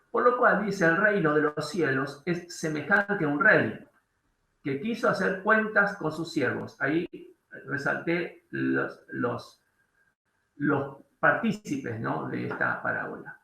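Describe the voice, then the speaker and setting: A man with an Argentine accent preaches, reading scripture and breaking it down with questions to the congregation. His voice is somewhat high, bright and edged with gravel. The echo of a church hall rings around him. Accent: Argentine Spanish. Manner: reads scripture aloud and explains it, asks the congregation questions. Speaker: pastor.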